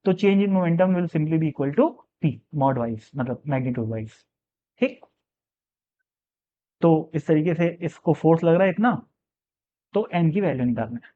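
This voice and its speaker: Reading a physics exam question slowly, a man then explains it casually step by step, frequently asking himself questions and answering them. His pitch is fairly high and his delivery animated, with phone-quality sound.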